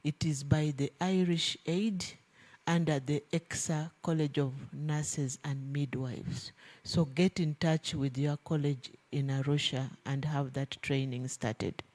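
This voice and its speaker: Low-pitched woman in nursing, commenting from the floor, earnest, slow, handheld mic. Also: fairly even intonation, a little mellow. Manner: earnest, hesitant, correcting herself. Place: conference hall. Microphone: handheld microphone passed around.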